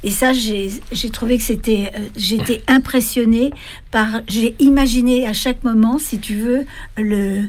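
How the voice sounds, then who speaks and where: A woman panelist giving recommendations in casual radio chat, halting as she searches for words. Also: a little high, fairly even intonation, a little mellow.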